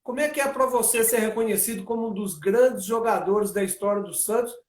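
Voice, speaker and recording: Male live-stream interviewer with a high pitch, friendly tone, roomy echo. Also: fairly quick. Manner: friendly, reads out lists. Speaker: interview host. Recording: echoey room.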